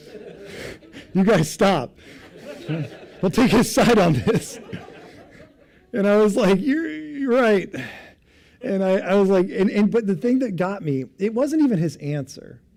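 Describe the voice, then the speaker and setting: Pastor guy preaching, mellow darkish voice, a bit high, jokes about himself a lot. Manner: self-deprecating, animated storytelling with quick outbursts. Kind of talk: sermon. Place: church.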